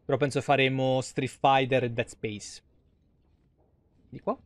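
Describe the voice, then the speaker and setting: Speaking at a measured pace in a level, mid-range tone with no echo, this thirty-something game streamer hosts live play from home. His central Italian Roman accent colors loose, foul-mouthed remarks as he thinks out loud.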